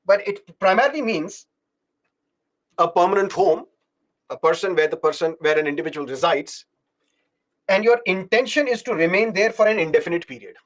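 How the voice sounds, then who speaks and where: A man giving an exam-prep polity lecture, explaining through repeated examples and questions to the class. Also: on the high side. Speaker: polity teacher.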